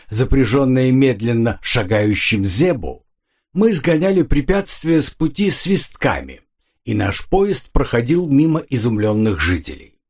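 Male audiobook narrator, husky, animated intonation, steady expressive delivery. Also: mid-range voice. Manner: measured, expressive reading. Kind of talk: scripted narration.

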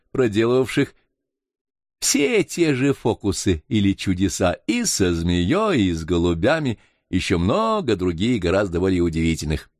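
A man's voice: mid-range voice, dry recording, clean studio sound, voice pushed up. A man reading as a lecturing doctor. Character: worldly middle-aged doctor, lecturing.

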